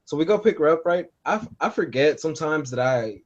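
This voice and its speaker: A man's voice: a little high, animated, brisk. A man on a casual podcast telling a long story. He swears constantly, laughs at his own tale and acts out both sides of the conversation. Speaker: podcast co-host. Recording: dull lo-fi podcast audio.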